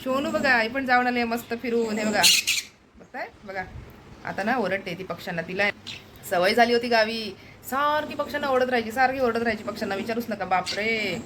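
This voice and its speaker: A woman's voice: fairly high pitch, fairly quick, background noise. A woman from the Konkan in India, chatting casually and rambling to her viewers in a home vlog, laughing often. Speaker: vlogger.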